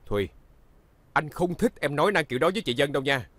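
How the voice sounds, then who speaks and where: A man's voice: on the high side, fast. An actor playing an easygoing young journalist who teases his fiancée but turns firm. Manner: teasing, relaxed, firm when crossed. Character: easygoing, joking young man, protective of sister.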